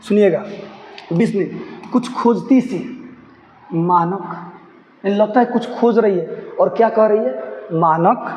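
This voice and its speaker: Hindi teacher going through a play line by line, high voice, echoey room, kinda dull sound. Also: male voice, unhurried, pauses often, a little mellow, a little hiss or hum. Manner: explanatory, repeats lines and asks listeners to pay attention. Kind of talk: line-by-line lesson explaining a play.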